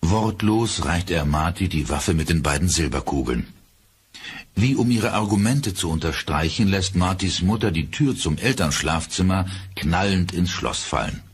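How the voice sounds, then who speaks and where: A man narrating a horror audiobook in a dramatic, expressive storytelling manner. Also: low voice, normal speed, slightly rough.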